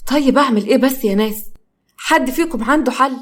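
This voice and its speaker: A woman's voice: on the high side, quick pace, natural voice. A woman voicing a poor village father pleading with his creditors, in an Egyptian accent. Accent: Egyptian Arabic. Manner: pleading, anguished. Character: desperate poor middle-aged village father.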